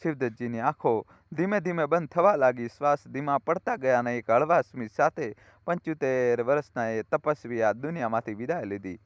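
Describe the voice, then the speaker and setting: A man's voice: mid-range voice, no echo. A male storyteller narrating an emotional family tale in a heartfelt, moralizing way, often addressing his listeners as friends.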